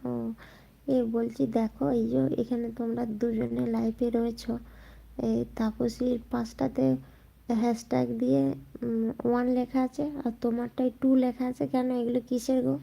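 A woman hosting a casual late-night live chat, talking softly and answering viewer comments as they come in. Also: a little high, flat delivery, moderate pace, creaky. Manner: speaks softly so as not to wake sleeping family. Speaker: live stream host chatting with viewers.

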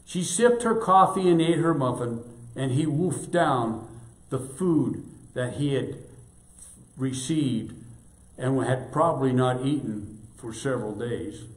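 A man preaching a sermon, telling a story in a measured, deliberate way in a church sanctuary. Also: medium pitch. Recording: echoey church room.

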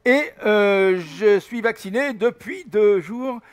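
A man's voice: high-pitched, slow. Chatty man in his seventies, fillers. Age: 70s. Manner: rambling, many fillers and restarts. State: recovering from fever, slight headache. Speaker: flight sim tutorial host. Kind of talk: casual spoken tutorial.

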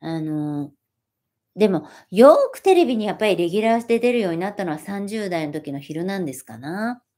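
A woman's voice: fairly low pitch, brisk. A woman in her forties talks casually to her livestream audience. She reads out viewer comments and answers them in a friendly way, sometimes poking fun at herself. Her voice moves up and down a lot as she talks. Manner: animated, friendly, self-deprecating. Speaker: livestream host.

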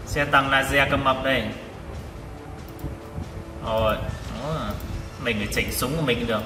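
A gaming vlogger with a medium-pitched voice speaks at a measured pace while playing a tank game, exclaiming and repeating short phrases. The mic is distant, the room echoey and reverberant, and loud game music plays behind him.

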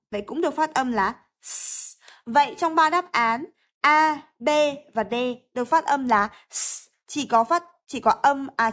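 Vietnamese woman teacher going through english exercises, high voice, takes it slow, says words over and over. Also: a bit bright. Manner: slow and careful, repeats words to model pronunciation. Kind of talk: explaining textbook exercises.

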